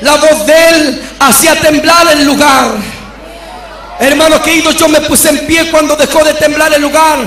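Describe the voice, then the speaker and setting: A man preaching a testimony, shouting in a fervent cadence and repeating "dear brother" between phrases. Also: very high-pitched, echoey room, poor audio. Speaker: pastor and bishop.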